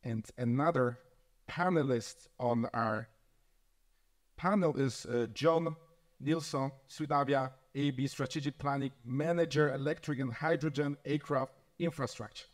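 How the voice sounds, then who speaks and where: A man's voice: mid-range voice, a little slow. A man moderating a conference panel, introducing guests politely and hesitantly with many fillers. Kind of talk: formal event hosting.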